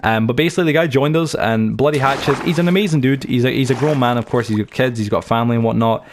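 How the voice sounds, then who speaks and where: A man's voice: mid-range voice, fast talker, a little hiss or hum. A young man hosting a game channel, giving a chatty, rambling tour full of stories, fillers and restarts. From United Kingdom. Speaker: gaming channel host. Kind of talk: rambling let's-play tour commentary.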